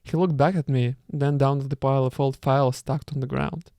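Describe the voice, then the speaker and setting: A man's voice: medium pitch, fairly even intonation, brisk, mellow, dry recording, studio quality. A man reading a book aloud with commentary, stumbling now and then and breaking off with amused asides. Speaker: reader.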